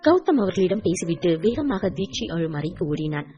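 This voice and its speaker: A woman narrating a novel in a steady, measured storytelling voice. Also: fairly low pitch, lo-fi sound, faint music behind. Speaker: audiobook narrator. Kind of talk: scripted narration.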